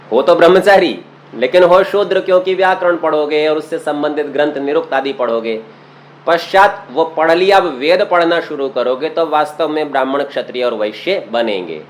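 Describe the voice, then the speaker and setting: A man's voice: a little high, a little hiss or hum. A man teaching a scripture study class, explaining verse by verse and often asking rhetorical questions. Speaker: religious teacher. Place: courtyard of a memorial hall.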